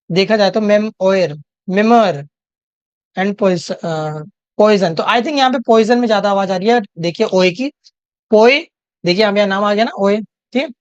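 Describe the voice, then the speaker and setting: A woman's voice: medium pitch, darkish tone, no room sound. Young indian english woman tutor, patient step by step lecture, keeps checking in, dull dry audio. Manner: explains step by step, repeats "theek hai?" to check in; reads English questions slowly. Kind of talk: exam-prep lecture in Hinglish. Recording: dry, slightly dull home recording.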